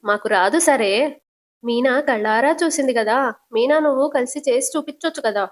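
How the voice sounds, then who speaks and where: A woman's voice: high voice, normal speed, close to an everyday voice. Woman voicing a fiery young wife. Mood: indignant. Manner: indignant.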